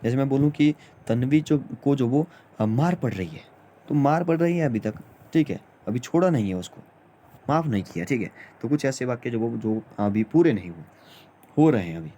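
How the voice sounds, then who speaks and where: A man teaching a grammar lesson in an informal manner, repeating himself and often pausing on fillers. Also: medium pitch, animated, dark tone.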